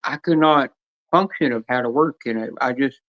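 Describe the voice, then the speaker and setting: A man's voice: mid-range voice, moderate pace. A man chatting casually on a stream, rambling through long stories. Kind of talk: casual chat. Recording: dull lo-fi stream audio.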